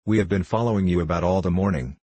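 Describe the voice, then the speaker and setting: Brief: male reader as a brisk inspector, deep and husky. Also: dark tone, dry recording. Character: energetic, capable male police inspector.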